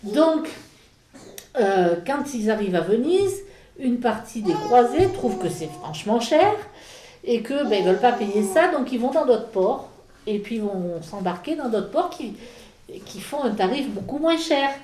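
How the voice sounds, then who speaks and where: A woman explaining medieval history in a casual talk, halting with many fillers and restarts. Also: a little high, animated, dark tone, reverberant, a little hiss or hum, rough recording. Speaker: speaker on a church history talk. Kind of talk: informal history lecture in conversation.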